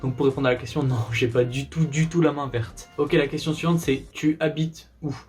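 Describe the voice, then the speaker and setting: Fast-talking young man, northern French accent. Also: a little high, steady tone, a little mellow, soft background music. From northern France. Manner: chatty, slangy, laid-back. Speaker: YouTuber. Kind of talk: casual Q&A vlog.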